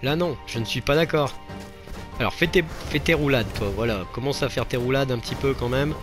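Man, let's play commentary, self-mocking, exclaiming, mid-pitched voice, faint game music behind. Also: brisk. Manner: self-mocking, exclaims and laughs at his own failures. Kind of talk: gameplay commentary.

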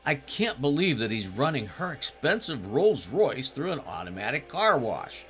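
A man in his sixties recapping a TV episode in a chatty, casual way, now and then breaking into animated exclamations. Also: mid-range voice, normal speed, soft background music. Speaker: TV series reviewer.

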